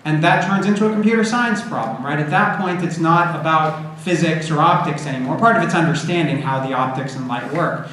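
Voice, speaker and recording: Male university lecturer, conversational and informal, somewhat higher-pitched voice, strong room echo. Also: a little fast, hardly any pauses, fairly bright tone. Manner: informal, conversational, checks in with "right?" and "you know". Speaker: university computer science lecturer. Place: indoor lecture room with an audience. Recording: echoey room, audible background noise.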